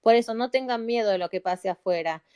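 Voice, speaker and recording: A middle-aged psychologist with an Argentine Spanish accent talks fairly quickly in a smooth, mellow, fairly high voice. In a live audio room, using a phone or computer mic, she pleads sincerely with her listeners and keeps repeating phrases for emphasis.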